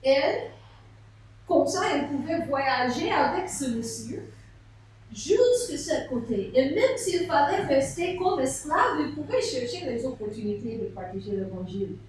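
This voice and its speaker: A woman pastor preaches a sermon at a seminar, telling a story and posing rhetorical questions in a large, echoey church hall. Her high-pitched voice is expressive, unhurried and a little mellow. It was recorded from far off, with echo and slight background noise.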